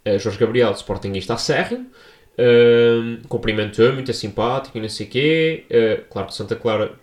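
A young man with a European Portuguese accent telling a story in a casual, slangy vlog, full of asides and fillers. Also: normal speed. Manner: animated, slangy, jumps into high-pitched voices for quoted people. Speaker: vlogger. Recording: echoey room.

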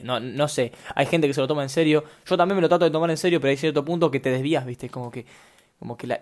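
Young Rioplatense man, solo podcast host, loose slangy rambling. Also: fairly high pitch. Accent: Rioplatense Spanish. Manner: scattered, self-mocking, slangy.

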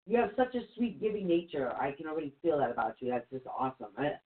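On a casual online talk show, a female co-host who works as a psychic reader gushes over a guest and encourages them. Her low voice is very animated and quick. The call audio sounds tinny, like a phone line.

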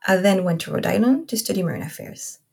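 This Corsican podcast host, a woman in her thirties with a French accent, talks fast in a medium-pitched voice that's gravelly, slightly rough and a little mellow. She reads her intro with care, then settles into a relaxed chat with her guest.

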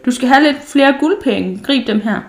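A big, jovial sea captain, as a woman reads him aloud in a storybook, booming his lines out heartily. The voice rises well above the reader's own and comes out louder. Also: animated. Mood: calling out.

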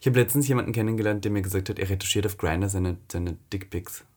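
A man's voice: low-pitched, darkish tone. A man co-hosting a podcast, chatting candidly and gossiping in a casual back-and-forth. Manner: candid, gossipy, talks fast. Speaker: podcast co-host. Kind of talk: casual chat.

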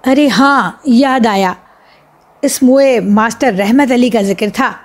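A woman voicing a scolding, gossipy mother with sharp chatter. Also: a little high, natural voice.

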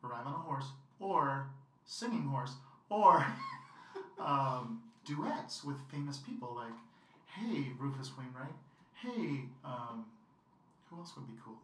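A woman guest in a casual interview, playful and laughing, who acts out quotes loudly. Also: a bass voice, animated, a little slow, a little hiss or hum. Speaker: guest performer. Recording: echoey room from far off.

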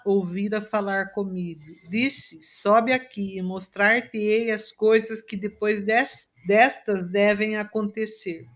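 A woman, a pastor, co-hosting a Bible study. Her voice sits at a middle pitch. She reads scripture calmly and measuredly and adds brief comments. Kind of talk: Bible reading and co-host interjections.

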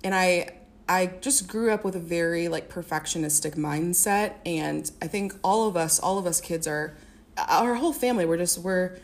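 A woman's voice: on the low side, moderate pace. A young woman from the American Midwest, a singer and music therapist, chatting as a podcast guest with many fillers and restarts. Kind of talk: casual interview.

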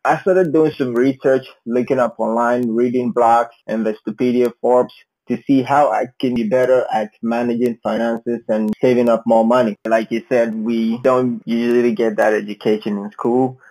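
A man's voice: medium pitch, level tone, normal speed, warm tone, poor audio. A man, a podcast guest, speaking thoughtfully with frequent hesitations. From Ghana. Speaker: interview guest. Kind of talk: casual interview.

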